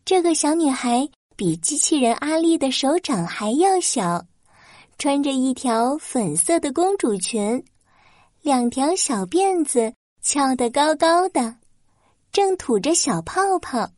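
Woman, children's storyteller, high voice, scripted narration, dry studio-like sound. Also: big pitch swings, slow, a little mellow, dry recording.

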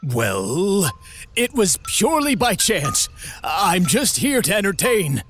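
A man's voice: high voice, huge pitch swings, slow pace, fairly bright tone, faint music behind, exaggerated voice. A man voicing a nervous big guy. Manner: nervous, flustered.

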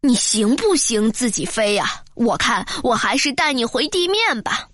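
Woman putting on a deeper steady eagle, storybook bird, patient big brother. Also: a little slow, no echo, heavily acted. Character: big calm male eagle.

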